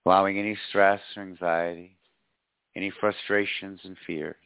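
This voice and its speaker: Man, low-pitched, soothing meditation guide, unhurried and hypnotic, dull dry recording, faint music. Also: flat delivery, clean tone, dry recording. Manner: slow, soothing, hypnotic delivery with pauses and repetition. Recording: dull lo-fi audio, music behind.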